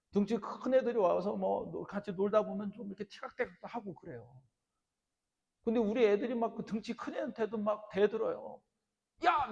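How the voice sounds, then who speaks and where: A man preaching a sermon as pastor, swinging from quiet storytelling to loud, emphatic declarations. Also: sits high, vocal fry, highs cut off. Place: church sanctuary. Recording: reverberant church sanctuary.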